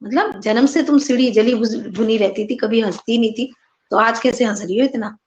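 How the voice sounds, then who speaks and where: A woman's voice: on the high side, moderate pace, roomy sound, muffled recording, a little hiss or hum, lightly acted. A woman teacher reading the part of a young woman who teases her old friend, in a raised, bantering tone. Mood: teasing. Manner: teasing, quizzing.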